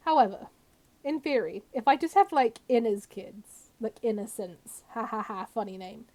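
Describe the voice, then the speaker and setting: A woman's fairly high, warm voice comes at a moderate pace, a bit scratchy from a cold. She's live-streaming a game, chatting casually with her audience and speaking to the in-game characters.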